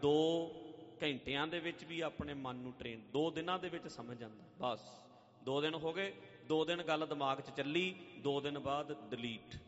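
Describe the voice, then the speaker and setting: A man with a fairly high voice preaches a sermon, pressing his points by repeating them and swinging from loud declarations to hushed asides. The recording is muffled, carries a long reverb from a large hall, and has faint music underneath. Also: moderate pace. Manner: emphatic, repetitive, swings between loud and hushed. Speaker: Sikh preacher.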